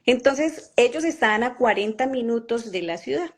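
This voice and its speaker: Colombian woman, halting emotional testimony. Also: fairly high pitch, expressive. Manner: halting, with many pauses and fillers; earnest and emotional. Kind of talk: personal testimony.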